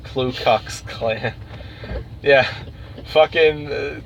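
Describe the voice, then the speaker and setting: A young man co-hosting a casual podcast, swearing a lot and teasing his co-host, with plenty of fillers and restarts. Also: mid-range voice. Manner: crude, teasing, swears often, halting with many fillers. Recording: dull lo-fi recording with clear background noise.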